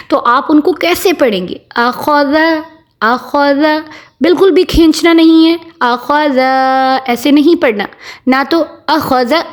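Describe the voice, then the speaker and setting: A woman teaching Quran reading step by step, patiently repeating each example and checking in with her listeners. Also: high voice. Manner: patient, repeats examples slowly and often checks with "theek hai". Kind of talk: step-by-step recitation lesson.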